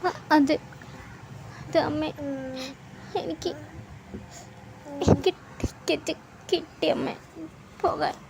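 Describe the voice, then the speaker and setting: A woman's voice: high voice, fairly even intonation, takes it slowly, vocal fry, long pauses, noisy background, full character voice. A woman doing a tearful, stammering young woman. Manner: stammering, soft and hesitant. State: crying.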